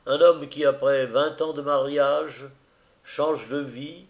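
A man's voice: fairly high pitch, steady tone, slow pace, dull audio. A man reading aloud as a troubled, rambling middle-aged widower. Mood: wistful.

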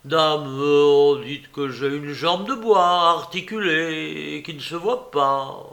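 A man's voice: on the high side, slow, vocal fry, fairly bright tone, heavily acted. A man doing a cheeky wheedling young nephew. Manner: coaxing, playful, hesitant. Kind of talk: audiobook character reading.

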